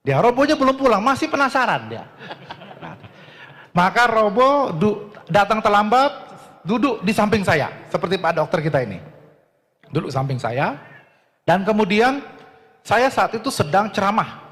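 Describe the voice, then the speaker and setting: Lively high-voiced male preacher in a hall. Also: normal speed, pauses often. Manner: lively storyteller acting out dialogue. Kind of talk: storytelling sermon. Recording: long reverb of a hall.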